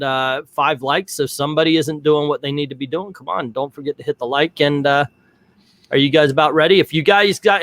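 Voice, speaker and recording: A man's voice: on the high side, fairly bright tone, dry recording. A man hosting a casual live movie watch-party commentary, rambling and chatty with lots of fillers. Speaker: host of a movie commentary show. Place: home, Central Florida.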